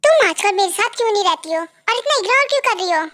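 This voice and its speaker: A woman's voice: very high voice, lively intonation, quick pace, fairly bright tone. A woman voicing an arrogant young male college mafia heir who talks curt and bossy in a voiced story reading. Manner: bossy, curt, grudgingly apologetic.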